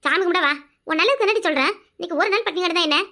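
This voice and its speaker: A woman voicing a bossy, devout village woman in a cartoon comedy, with a shrill scolding manner and a Kanyakumari Tamil accent. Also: racing, pushed and bright, heavily acted.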